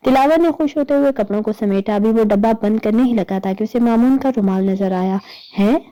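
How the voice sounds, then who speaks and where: A woman narrating a romantic novel in a steady, even reading voice. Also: fairly high pitch, highs cut off. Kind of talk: storybook narration.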